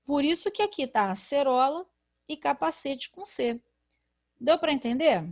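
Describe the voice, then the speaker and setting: A woman's voice: high-pitched, animated, unhurried. A woman with a Brazilian Portuguese accent, a literacy teacher in a recorded video lesson who explains patiently and asks rhetorical questions.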